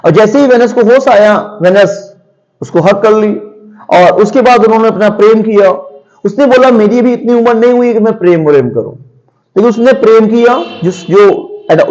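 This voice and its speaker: Man, high voice, storytelling lesson, asks himself questions, dull lo-fi recording. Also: a little mellow. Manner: explains with rhetorical questions and repetition. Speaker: teacher. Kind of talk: storytelling lesson retelling a poem.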